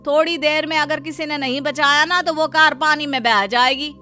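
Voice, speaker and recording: A woman's voice: high-pitched, fairly even intonation, normal speed, sharp tone, soft background music. A woman voicing a worried neighbor man in a cartoon story, anxiously reporting trouble. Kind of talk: Hindi cartoon story dubbing.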